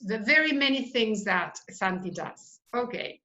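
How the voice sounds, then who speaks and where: A woman hosting a video call interview, speaking slowly and courteously with hesitant fillers. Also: mid-range voice, animated, sharp tone. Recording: muffled video call audio.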